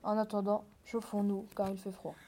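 A woman reading the part of a peasant husband in a fairy tale, in a flat, even way. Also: mid-range voice, moderate pace, close to an everyday voice. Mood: reasoning. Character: hot-tempered peasant husband, middle-aged man. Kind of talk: read-aloud fairy tale dialogue.

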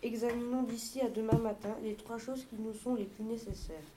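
A woman's voice: a little high, steady tone, a little fast, noisy background, lightly acted. A woman reading aloud from a fairy tale book and voicing a poor, hot-tempered peasant husband. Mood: reasoning.

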